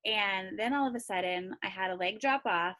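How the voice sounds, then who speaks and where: Tired, very bright-voiced host on a video call. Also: female voice, medium pitch, normal speed. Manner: chatty and encouraging. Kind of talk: casual chat on a video call.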